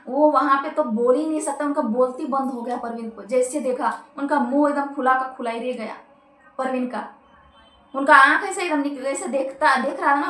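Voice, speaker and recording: Woman, chatty horror storyteller, high voice, echoey room. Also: bright, forceful tone. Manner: chatty, addresses listeners as friends.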